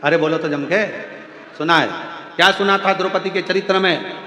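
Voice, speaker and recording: A man delivering a devotional sermon, his sing-song voice swinging from loud exclamations to soft low passages as he asks the crowd questions. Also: moderate pace. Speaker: religious storyteller. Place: large venue with audience. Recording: echoey hall with faint music.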